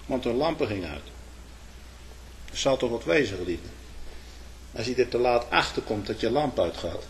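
A man preaching a sermon in old biblical phrasing, swinging from hushed asides to loud proclamations with frequent "hè". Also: medium pitch, expressive, moderate pace, slight background noise.

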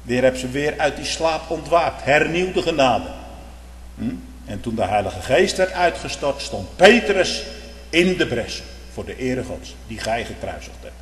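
A man's voice: very animated, unhurried. Fervent preacher man in an echoey hall. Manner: fervent, swings from loud outbursts to low murmurs, rhetorical questions. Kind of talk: sermon. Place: church. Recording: echoey church hall, faint hum.

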